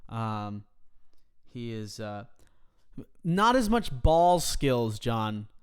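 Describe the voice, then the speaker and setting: A man hosting a sports podcast, talking with mock-grand, deadpan bravado. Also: mid-range voice, extremely slow, clean tone. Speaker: podcast host. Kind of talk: casual sports podcast banter.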